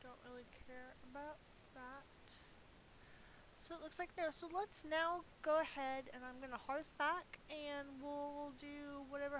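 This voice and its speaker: This high, sharp-toned woman streams live gameplay with casual, chatty commentary, thinking aloud as she plays. Her budget gaming mic makes the recording rough, with a faint hiss.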